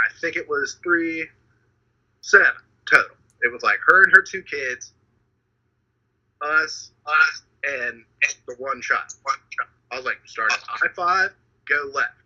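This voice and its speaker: A man co-hosting a podcast, retelling a frustrating story in casual chat, animated and exasperated and swearing often. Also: on the high side, breathy edge, muffled recording. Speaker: podcast co-host.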